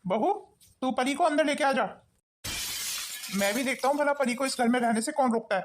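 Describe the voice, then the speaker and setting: A woman's voice: sits high, fairly quick, background noise, natural voice. A woman voicing a kind, protective older grandfather in a cartoon, speaking firmly and earnestly. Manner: firm, earnest. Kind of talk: cartoon voice acting. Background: background music.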